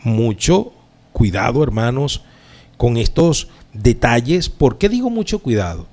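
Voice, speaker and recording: A man preaching a sermon as pastor, slow and emphatic with dramatic pauses. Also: mid-range voice, big pitch swings, darkish tone.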